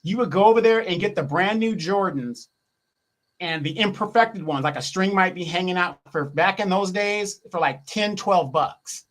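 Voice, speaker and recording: A man co-hosting a casual livestream, talking reflectively, often pausing and restarting as he searches for words. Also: high-pitched, a bit bright. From grew up in Japan. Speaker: livestream co-host.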